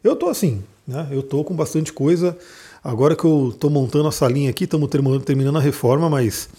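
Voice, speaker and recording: This is a Brazilian man hosting a casual daily astrology reflection. His voice is hoarse and worn, husky and mellow, sitting a little high for a man. He explains things in an informal way, checking in with small tag questions. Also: brisk. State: hoarse, voice worn out from talking all day. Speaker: astrologer host.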